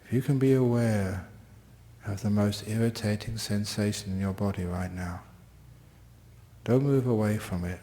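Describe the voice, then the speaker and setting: A man teaching meditation, giving slow, gentle guided meditation instructions with long, unhurried pauses. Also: fairly low pitch.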